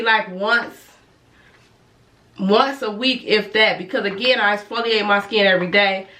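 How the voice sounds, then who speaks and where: A licensed cosmetologist and beauty vlogger casually reviews and demonstrates skincare, chatting in a rambling, self-correcting way while a little congested from a cold. Her medium-pitched voice is bright and forceful. The mic sits at a distance in an echoey room, with slight background noise.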